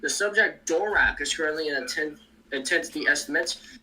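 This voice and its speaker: A man's voice: on the high side, brisk, pushed and bright, rough recording. A man hosting a weather livestream over a call that keeps dropping out into choppy, glitching audio. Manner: reads forecast text aloud with asides. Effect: online call dropping out, choppy glitching audio. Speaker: weather stream host. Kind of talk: casual livestream weather briefing.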